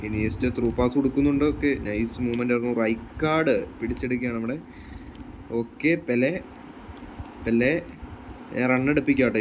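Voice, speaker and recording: A man's voice: mid-range voice, a little mellow, a little hiss or hum. A man with a Malayali accent giving casual football game commentary, mixing English words and phrases into his Malayalam. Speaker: gaming YouTuber.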